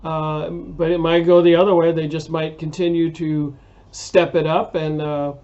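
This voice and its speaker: A man talks through a casual monologue at a slow, halting pace, stopping often for fillers and restarting his sentences. His voice sits a little high for a man. The recording sounds dull and lo-fi. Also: little pitch movement, darkish tone. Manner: rambling, hesitant, many fillers and restarts. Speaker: video host reviewing books.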